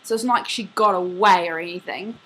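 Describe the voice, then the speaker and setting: A woman's voice: lowish voice, fast, fairly bright tone, slight background noise, rough recording. Rambling young woman telling a dream. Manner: rambling, filler-heavy, lots of "like". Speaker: vlogger. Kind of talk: casual video message recounting a dream.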